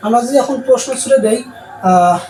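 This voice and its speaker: A man's voice: very high-pitched, a little fast. Man, teacher, repetitive question-and-answer style, echoey room, faint noise. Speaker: English teacher. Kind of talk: classroom lesson. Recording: roomy sound with faint background noise.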